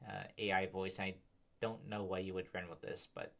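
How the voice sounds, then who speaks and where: A man's voice: low-pitched, flat delivery, normal speed, gravelly, a bit bright. Sighing man riffing on a video. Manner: sighing, rambling, filler-heavy. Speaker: commentary host. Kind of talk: exasperated casual commentary. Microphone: desk microphone.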